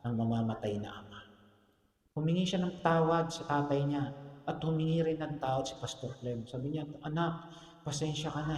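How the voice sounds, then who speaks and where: A man with a Filipino accent preaching a sermon, mixing Tagalog and English and asking the congregation "Amen?", sometimes dropping to a soft low voice and then pressing a point loudly. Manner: swings between soft low storytelling and loud emphatic points. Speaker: pastor. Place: church hall. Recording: roomy, echoey church hall.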